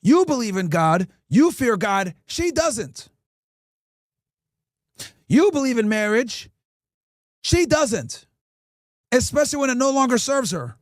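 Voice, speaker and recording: A man's voice: extremely high pitch, sing-song, slow pace, pauses often, no room sound, clean studio sound. A podcast host, a man, delivering crude, profane, preachy commentary and speaking straight to his chat. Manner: addresses chat directly. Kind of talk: ranting commentary.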